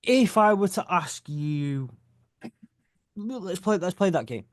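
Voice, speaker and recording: A man's voice: high voice, animated, slow pace, dry recording, studio quality. A man from the UK hosting a podcast in casual chat, rambling and joking as he talks. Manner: rambling, jokey, self-correcting. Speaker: podcast host.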